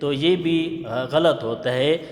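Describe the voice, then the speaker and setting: A man giving a religious pronunciation lesson, explaining patiently and chanting example phrases slowly. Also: fairly high pitch, a little mellow. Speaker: religious teacher. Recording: echoey hall with long reverb.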